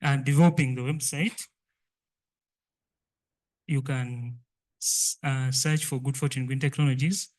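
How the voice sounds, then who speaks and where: A young man with a Ugandan accent answering questions at a pitch in hesitant, piecemeal phrases. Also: fairly even intonation, measured pace, long pauses, a little mellow. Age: young adult. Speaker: student innovator.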